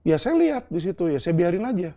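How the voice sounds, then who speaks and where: A man's voice: high-pitched, sing-song, fast talker, mellow. A middle-aged man from Indonesia in an interview, answering earnestly and explaining with homely examples and asides like "right?". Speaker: interview guest.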